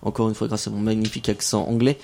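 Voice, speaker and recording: A man hosting a casual local radio show, playful and self-mocking, gently drawing out the young guests. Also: fairly low pitch, flat delivery, fast talker, creaky. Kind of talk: casual radio chat with children.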